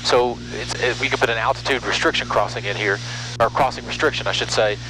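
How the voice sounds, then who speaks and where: A man's voice: mid-range voice, quick pace. A middle-aged American man chatting and explaining casually as he flies, talking into an aviation headset. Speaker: pilot and vlog host. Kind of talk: casual explanatory vlog talk while flying. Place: cockpit of small propeller airplane. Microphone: aviation headset mic. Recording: loud aircraft engine hum, headset intercom.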